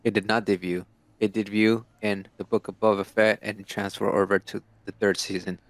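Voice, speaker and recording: A man with a low, gravelly voice co-hosting a casual podcast. He jokes around and sets the facts straight without fuss. The sound is dry and close. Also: dry recording. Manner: relaxed, joking, quick to correct. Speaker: podcast co-host. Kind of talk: casual chat.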